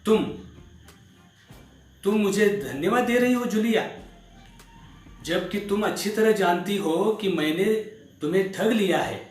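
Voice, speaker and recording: Man doing a stern angry master, loud scolding, high voice, echoey room, faint music behind. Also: takes it slowly, pauses often. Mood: shouting. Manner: loud, forceful, scolding delivery. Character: stern, hot-tempered middle-aged male employer.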